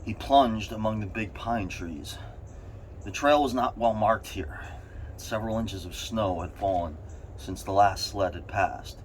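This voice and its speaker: Low-voiced man reading a story aloud. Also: a little slow. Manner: strained bursts of emphasis, as if sitting in an ice bath. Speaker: reader of a short story. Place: in an ice bath. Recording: steady background noise.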